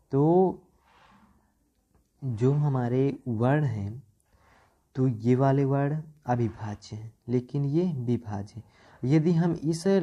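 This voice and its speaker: Slow, dark-voiced man teaching grammar. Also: medium pitch. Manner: slow, repeats syllables and checks "ठीक" often. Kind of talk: Hindi grammar lesson at a board. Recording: dull lo-fi sound.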